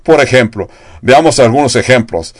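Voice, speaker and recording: A man's voice: mid-range voice, expressive, normal speed, dry recording, studio quality. An older man preaching a sermon in Spanish, asking his congregation rhetorical questions. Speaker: pastor.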